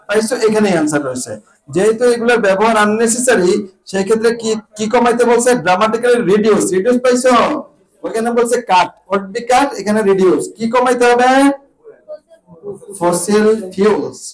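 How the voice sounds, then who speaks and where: A man from Bangladesh leads an IELTS reading lesson in a high voice. He walks the class through the text and keeps checking that they follow with short repeated questions. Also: poor audio. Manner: drills students with repeated questions. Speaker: IELTS teacher.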